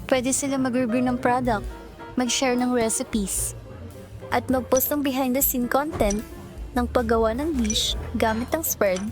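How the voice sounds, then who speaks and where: A woman plays a high-pitched young Filipino marketing employee, secretly smitten with her boss, in a romantic audio drama over clear background music. Eager, deferential, earnest, and professional, she shows a flustered, girlish streak of hidden affection, speaking unhurriedly with fairly even intonation, close to an everyday voice, in a Tagalog-English mix.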